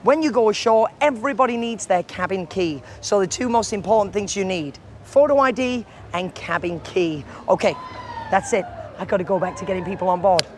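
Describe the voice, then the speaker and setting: A man's voice: sits high, fairly quick, slight background noise. A man talking as an upbeat, chatty cruise director, hosting vlog interviews. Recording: loud music and crowd behind.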